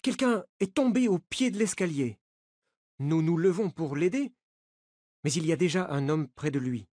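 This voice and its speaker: A narrator reading a novel aloud in a slow, clear, learner-paced way. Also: medium pitch, lively intonation, mellow, no echo, clean studio sound. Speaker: audiobook narrator. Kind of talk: scripted narration of a graded-reader novel.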